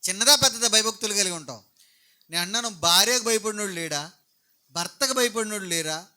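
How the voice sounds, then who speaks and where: A man's voice: high-pitched, a little fast, bright, forceful tone. A middle-aged man preaching a sermon, posing questions to the congregation and answering them himself. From Andhra Pradesh. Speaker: pastor.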